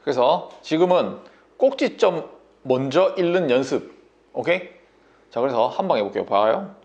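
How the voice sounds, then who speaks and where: A man's voice: mid-range voice, very animated, normal speed, a little mellow, dull audio. A man tutoring math at a whiteboard, talking bossy and casual and checking understanding constantly with a sore throat.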